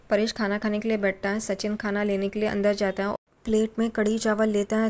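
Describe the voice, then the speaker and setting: A woman casually retelling a TV serial episode, reading the characters' quoted lines in the same plain, even way. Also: medium pitch. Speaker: serial recap narrator. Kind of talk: casual storytelling recap.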